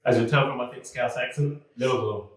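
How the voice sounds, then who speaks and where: A man, a business development manager, speaking in a relaxed, conversational way in a corporate talking-head video. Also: mid-range voice, quick pace. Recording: very echoey room, mic far off.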